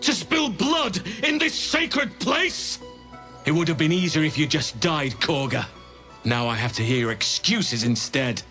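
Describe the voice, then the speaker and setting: A slow, righteous, angry druid. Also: male voice, on the high side, expressive, pushed and bright, full character voice. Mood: stern anger. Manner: grave, commanding, declamatory. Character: big druid leader, righteous, solemn, angry protector of nature. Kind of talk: video game voice acting. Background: game music.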